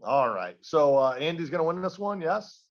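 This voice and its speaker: A man's voice: fairly high pitch, big pitch swings, moderate pace. Man with a dull lo-fi sound. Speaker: podcast host. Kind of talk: casual podcast chat.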